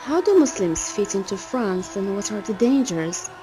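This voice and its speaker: A woman's voice: medium pitch, animated, a little slow. Woman narrating a documentary over music. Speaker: documentary presenter.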